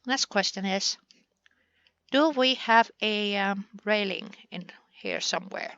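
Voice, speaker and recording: A woman's voice: medium pitch, takes it slowly, vocal fry, fairly bright tone, clean tone, no room sound, highs cut off. A woman hosting a gaming channel, chatting through a building session in a playful way and talking to the game pieces as she works.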